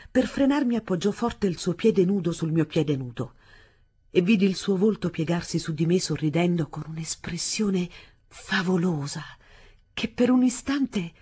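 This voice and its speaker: Expressive, husky woman reading a novel. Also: lowish voice. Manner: dramatic and expressive, with swings between loud and hushed. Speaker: audiobook reader. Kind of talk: literary audiobook narration.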